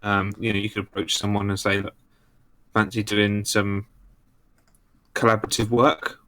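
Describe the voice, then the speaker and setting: Flat low man, robotic voice chat. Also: normal speed, slight background noise. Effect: robotic digital distortion from a voice-chat line. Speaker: stream guest. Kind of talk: casual call-in chat.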